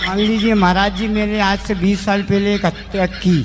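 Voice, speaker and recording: A man in the audience asking a guru questions with a deadpan delivery. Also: high voice, moderate pace. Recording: loud clicking noise.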